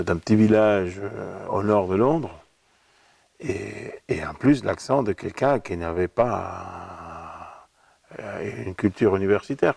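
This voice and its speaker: His voice sits low and sounds creaky and a little mellow, with a breathy edge; this middle-aged man from Argentina is an opera singer guesting on a relaxed interview. He has an Argentine Spanish accent and often repeats words while thoughtfully searching for them. The distant mic picks up no room sound.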